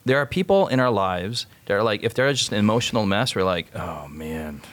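Casting: man, lowish voice, Bible study leader, loose rambling delivery. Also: fast. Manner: rambling, many fillers and restarts. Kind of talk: casual group Bible study.

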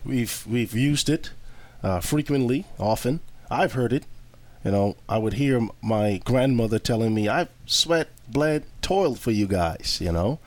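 A man hosting a religious study panel, speaking in a measured, reflective way. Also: medium pitch, animated. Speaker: host. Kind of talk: scripted opening, then panel discussion.

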